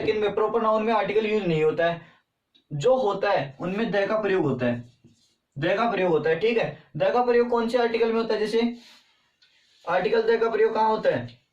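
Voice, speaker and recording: A man's voice: sits high, moderate pace. A man with an Indian accent teaching a grammar lesson, often asking questions and answering them himself. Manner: repetitive, asks and answers own questions. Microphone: far from the mic. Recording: roomy, distant, dull sound.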